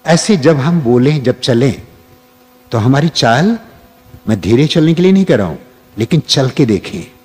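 A man giving a spiritual discourse as a teacher, speaking deliberately with long pauses. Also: medium pitch, animated, a little mellow, breathy edge.

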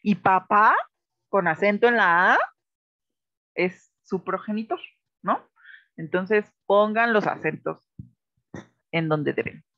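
A woman's voice: medium pitch, takes it slowly, pauses often, no room sound. Mexican woman teacher on a dull video call. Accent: Mexican Spanish. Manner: patient and explanatory, checks in with students. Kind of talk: online class feedback lecture.

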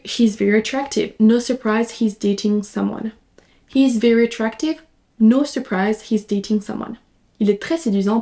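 A woman teaching English, saying example sentences slowly and carefully. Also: mid-range voice, darkish tone. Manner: slow, careful model sentences. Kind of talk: language lesson.

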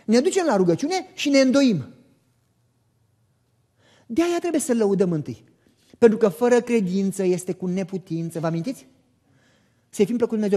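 A male pastor preaching a sermon in church, animated, asking the congregation rhetorical questions and acting out dialogue as he tells stories. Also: very high-pitched. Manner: acts out dialogue in lively storytelling.

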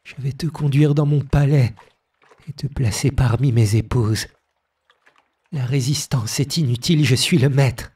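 A man voicing an imperious young emperor in an audio story reading, speaking slowly and commandingly. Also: mid-range voice, dark tone, breathy edge.

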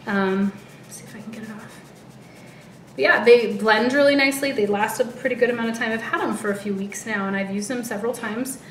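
A woman's voice: on the high side, a little fast. An American woman in her thirties, a little out of breath, chatting casually to camera as a beauty vlogger in an informal way. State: out of breath, heavily pregnant. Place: living room at home, indoors. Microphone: camera a short distance away. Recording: roomy echo, light background noise.

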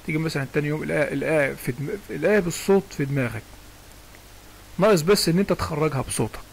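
A man's voice: fairly high pitch, vocal fry, a little hiss or hum, low-quality recording. A man with an Egyptian Arabic accent giving a casual, chatty lesson on Quran recitation and often asking whether the listener follows him. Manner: chatty, digressive, often asks "understand me?". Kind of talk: casual spoken lesson with sung recitation examples.

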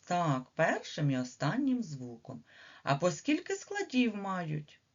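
A woman with a Ukrainian accent giving a slow early reading lesson to small children, drawing out each sound and syllable. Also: fairly low pitch, huge pitch swings. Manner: slow, sing-song, drawn-out sounds for children. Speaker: preschool teacher. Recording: slightly dull lo-fi recording.

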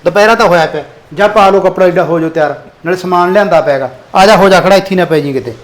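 Man as a farmer dad, high voice, rapid chiding, nagging. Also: natural voice. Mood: scolding. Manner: scolding, chiding. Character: farmer father, nagging, easygoing. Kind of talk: village family drama.

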